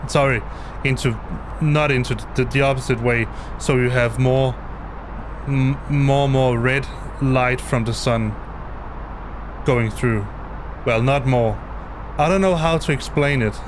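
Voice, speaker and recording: Speaking a little slowly in a mid-range voice, a Danish-native flight sim streamer explains something on a live stream from his home basement. Background noise is present, and he often hesitates, starts over, and repeats himself.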